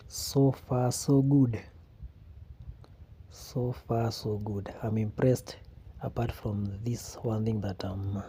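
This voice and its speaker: A man with a Kenyan accent narrating a casual walking vlog in an unhurried way, often repeating phrases for emphasis. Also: lowish voice, warm tone, breathy edge. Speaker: vlogger. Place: outdoors on a quiet street. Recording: outdoor ambient noise.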